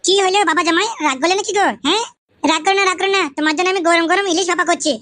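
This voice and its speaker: A woman's voice: extremely high pitch, steady tone, racing, music in the background. Woman as a cajoling mother-in-law. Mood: coaxing. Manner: sweet-talking, cajoling. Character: coaxing middle-aged mother-in-law, thirties by her claim. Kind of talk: comic village skit.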